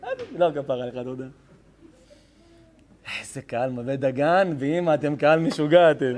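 A man's voice: on the high side, big pitch swings, darkish tone. A man, a rabbi, giving a live Torah lesson to an audience, bantering affectionately with the crowd and turning heartfelt when he speaks of faith.

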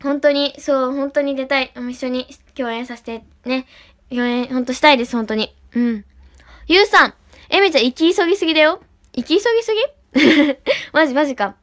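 A woman livestreaming as an idol, talking fast and bubbly while reading out and answering chat comments. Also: sits high, a bit bright. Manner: bubbly, often repeats "really".

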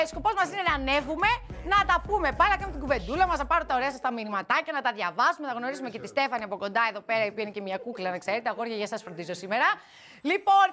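Bright high-voiced woman TV host. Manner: playful teasing banter with crew. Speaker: TV show host. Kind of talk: lively studio chat to camera. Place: TV studio.

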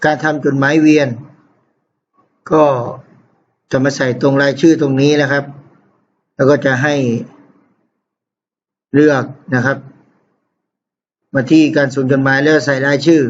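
A man teaching a computer class, explaining software steps one at a time with polite particles. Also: fairly high pitch, little pitch movement, a little hiss or hum. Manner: unhurried, explains step by step with frequent polite particles. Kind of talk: screen-recorded software tutorial. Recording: dull lo-fi screen-capture audio.

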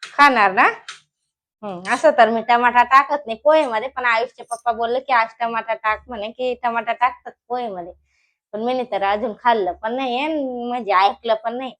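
High-voiced young mother chatting while cooking. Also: normal speed. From Maharashtra. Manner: coaxing and scolding small children while cooking, softer asides to viewers. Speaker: vlogger and mother. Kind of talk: casual cooking vlog chat.

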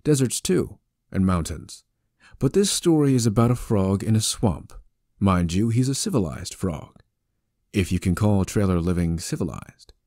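A man's voice: fairly low pitch, very animated, moderate pace, warm tone, no echo, clean studio sound. A man narrating an audiobook in a wry, conversational storytelling manner.

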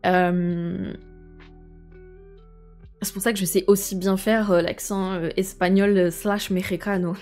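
A young woman talks to her live-stream viewers in a loose, rambling way, stopping to answer chat messages. Her pitch sits in an ordinary middle range. A faint guitar plays softly behind her. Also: little pitch movement, measured pace, pauses often.

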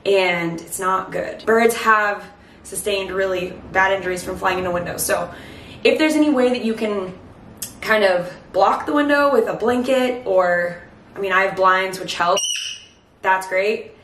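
A woman's voice: medium pitch, a bit bright, slight background noise. A woman in her thirties giving chatty, explanatory tips to camera in a casual way, a little short of breath. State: breathless from late pregnancy. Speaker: host of a pet bird channel. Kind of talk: casual instructional talk to camera. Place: home kitchen, indoors. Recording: echoey kitchen, distant mic.

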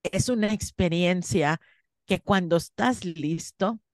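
A woman's voice: on the low side, slow, darkish tone, dry recording, studio quality. A woman, a guest in an interview, earnestly telling a personal story and acting out her own past words. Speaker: interview guest, spiritual course teacher.

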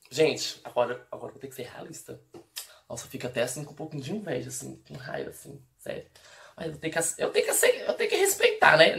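A woman's voice: medium pitch, fairly bright tone. A woman with a Brazilian Portuguese accent, vlogging a blunt, exaggerated comic rant full of mock outrage and teasing. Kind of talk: comic opinion rant to camera.

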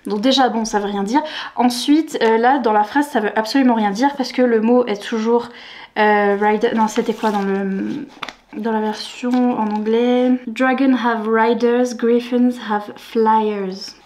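A young woman book vlogger chatting casually to camera, animated, laughing often and mocking awkward word choices. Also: a little high, normal speed.

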